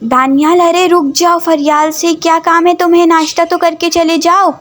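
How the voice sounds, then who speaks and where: Woman plays nagging mother, high voice, fussing. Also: flat delivery, moderate pace, fairly bright tone. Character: fussing mother of a grown son.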